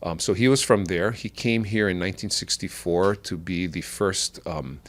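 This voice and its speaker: A middle-aged Oahu man with a Hawaiian accent and a low voice appears as a podcast guest. He speaks haltingly, restarting often, in a casual conversational interview.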